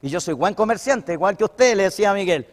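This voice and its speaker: A middle-aged Chilean man preaching a sermon to fellow pastors, folksy and impassioned, building to loud declarations and often calling his listeners brother. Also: high-pitched, expressive, fast talker, in a large hall. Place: church hall at a pastors' breakfast.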